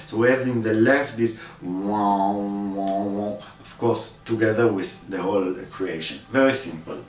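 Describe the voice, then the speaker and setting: A man explaining a vocal score step by step, pausing often with fillers and acting out the sounds himself. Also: fairly low pitch, slight background noise. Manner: demonstrates sounds with his own voice, many fillers. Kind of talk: instructional walkthrough. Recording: echoey room, voice from far off.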